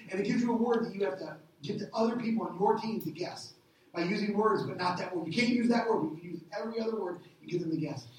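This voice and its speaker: A middle-aged man preaching a sermon as a pastor, animated, asking rhetorical questions and acting out little voices. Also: high voice, fast talker, slight background noise. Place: church hall. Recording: echoey hall, distant mic.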